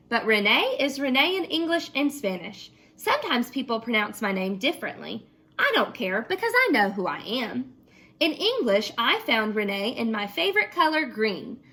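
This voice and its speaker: Bright, animated woman teacher reading aloud. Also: fairly high pitch. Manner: expressive, asks children questions. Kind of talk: reading a picture book aloud, then a class discussion.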